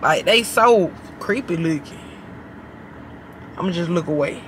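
Young woman, casual reaction vlog, very lively pitch, brash and exaggerated, noticeable car background noise. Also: unhurried. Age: young adult. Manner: brash, heavily profane, exaggerated and expressive. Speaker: vlogger doing a taste-test reaction. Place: inside a parked car.

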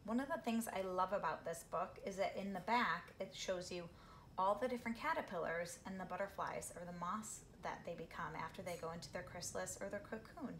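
Seated on a couch in a small living room, a woman with a lowish voice reads a picture book aloud to children. Her delivery is expressive, with drawn-out phrasing and questions aimed at her young listeners. The home recording sounds roomy and carries background noise.

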